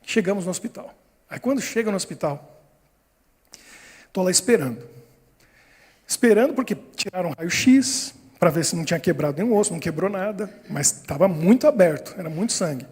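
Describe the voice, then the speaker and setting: A Brazilian man in his fifties, a pastor telling a story in a sermon, with a high, slightly husky voice. He acts out the people in his story with animated voices, and his words ring out with the long reverb of a church hall. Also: fairly quick. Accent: Brazilian Portuguese. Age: 50s.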